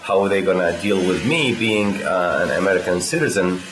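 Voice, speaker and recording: A man from Iraq, talking in a casual video diary, halting and full of filler sounds. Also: low-pitched, noisy background. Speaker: vlogger.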